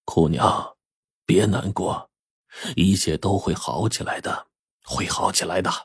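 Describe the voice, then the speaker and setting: A man voicing a kindly, gentle old ferryman with a soothing way of speaking. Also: lowish voice, lively intonation, measured pace, breathy edge, dry recording, clean studio sound, full character voice.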